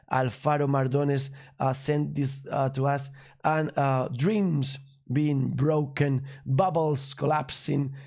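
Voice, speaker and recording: A man from Spain with a Spanish accent, a native Spanish speaker hosting a news commentary show in an upbeat, emphatic, slightly halting way. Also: on the high side. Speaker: crypto news channel host.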